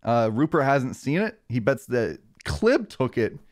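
A young man hosts a laid-back chat with friends, reading silly dating profiles out loud and breaking into laughter. His pitch moves a lot as he goes. The sound is dry and close to the mic. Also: sing-song, unhurried, no echo. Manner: reads fake dating profiles aloud, laughing often. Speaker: group video host. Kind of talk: casual chat among friends.

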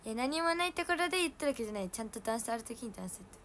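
Her voice sits a little high as the young woman, an idol with a Hiroshima dialect, chats with viewers during a relaxed livestream from home. Slight background noise is present, and she laughs at her own expense and raises her voice when reenacting others' words.

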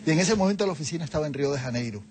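A man's voice: a little high, lively intonation, very fast, a little mellow, a little hiss or hum. An older man, a guest in a TV studio interview, explaining things reflectively into a lapel mic. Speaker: guest, Jesuit leader. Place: TV studio set, seated on a sofa.

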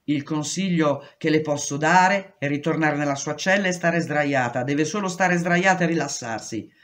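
A woman's voice: low-pitched, moderate pace, natural voice. A woman reading aloud, voicing a dismissive male prison doctor with curt, evasive replies. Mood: cold. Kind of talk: audiobook reading.

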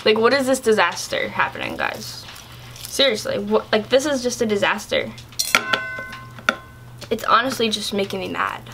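A woman's voice: mid-range voice, lively intonation, normal speed, gravelly, long pauses, background noise. Chatty young woman vlogging. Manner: chatty, filler-heavy, exasperated. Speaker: YouTuber. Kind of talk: casual vlog product review.

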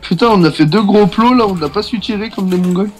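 A man's voice: sits high, brisk, faint music behind. A young man hosting a gaming video, chatting casually and teasing his teammate from a small room at home. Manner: teasing, joking banter.

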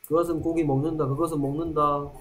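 A man teaching English in a classroom, slowly repeating English phrases after Korean prompts. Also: fairly high pitch, level tone, fairly bright tone. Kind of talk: classroom drill lesson.

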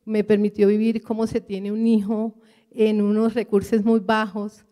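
A woman's voice: mid-range voice, little pitch movement, a little slow, warm tone. Earnest woman giving a church testimony. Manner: earnest, addresses the congregation as brothers.

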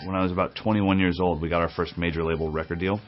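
Deep-voiced drum teacher, candid and reflective. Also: male voice, level tone, fast talker, faint music behind. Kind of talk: documentary interview. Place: indoor drum studio. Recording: slightly dull, muffled audio.

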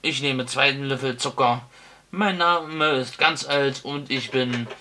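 A man voicing an ancient, toothless male wizard in an audiobook, booming, rambling and giggly. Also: measured pace, sharp tone. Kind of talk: audiobook character voice.

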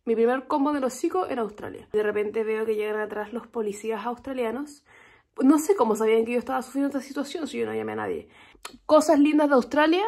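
Young woman in her twenties with a Chilean accent, chatty and animated. She talks to camera like she's telling friends a story, with a voice that sits a little high. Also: fast. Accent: Chilean Spanish. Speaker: vlogger. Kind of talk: casual storytelling vlog.

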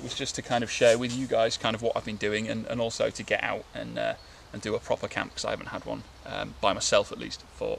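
In casual talk to camera, a gravelly, medium-pitched bushcraft vlogger chats while seated under a tarp in winter woodland. He's relaxed and rambling, with many fillers and restarts, and there's light outdoor noise.

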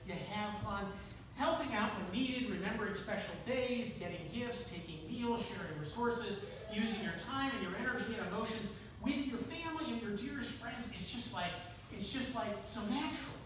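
A man's voice: high-pitched, moderate pace. An older man preaches from the pulpit in a folksy, storytelling way, poking fun at himself between points. He sounds far from the mic, and his voice rings around a big, echoey church hall. Room noise hangs under every word. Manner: folksy storytelling with self-deprecating asides. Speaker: pastor. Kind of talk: sermon. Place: church sanctuary with pipe organ. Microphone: room camera from the back of the church.

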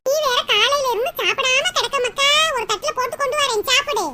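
A woman's voice: extremely high pitch, a little fast, sharp tone, exaggerated voice. A woman voicing a loving village mother who dotes on her son. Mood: doting. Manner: doting, tearful. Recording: noisy cartoon audio.

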